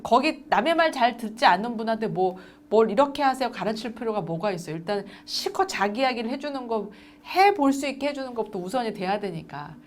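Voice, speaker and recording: A woman's voice: a little high, expressive, brisk, hardly any pauses. A middle-aged woman giving a lecture to adoptive parents, acting out little dialogues between parent and child as she explains.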